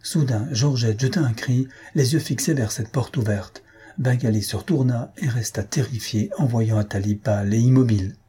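A man reading a novel aloud in a measured, expressive style. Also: medium pitch, slightly rough. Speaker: audiobook reader. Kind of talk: scripted narration.

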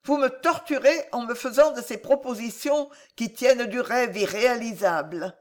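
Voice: medium pitch, normal speed, pitched above the performer's own voice, lightly acted. A reader voicing a desperate young woman torn by forbidden love in a dramatic audiobook, fierce and anguished. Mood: grave.

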